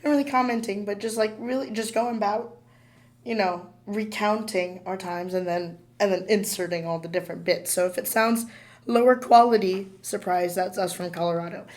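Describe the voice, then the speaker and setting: A woman co-hosting a podcast, chatting casually in a hoarse, squeaky voice, with giggles, fillers and restarts. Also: fairly even intonation, normal speed. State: hoarse, squeaky from dust allergy. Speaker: podcast co-host. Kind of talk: casual chat.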